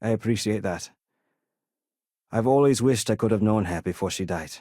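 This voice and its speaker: An actor playing a courteous, kindly young male trader and crewmate in a space video game, speaking in polite, measured, formal phrases. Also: lowish voice, mellow, no echo, studio quality, natural voice. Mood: courteous, earnest. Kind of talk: video game dialogue acting.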